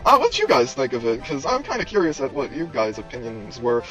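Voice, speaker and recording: A man's voice: mid-range voice, huge pitch swings, a little fast, fairly bright tone, muffled recording, soft background music. A man hosting a let's play, rambling in casual commentary and talking straight to his viewers with self-deprecating asides. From United States.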